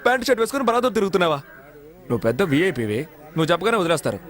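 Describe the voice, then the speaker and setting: An actor playing a cheeky young con man in jail, quick and sly in film dialogue. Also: high voice, very animated, a bit bright. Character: scrappy young male con man, jailed.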